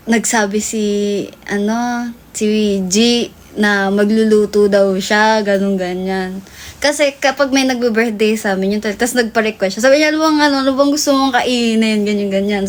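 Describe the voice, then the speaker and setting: A young woman hosting a livestream, telling a long story in casual chat that switches between Tagalog and English and is full of fillers. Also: mid-range voice. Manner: rambling Taglish storytelling with many fillers. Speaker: livestream host.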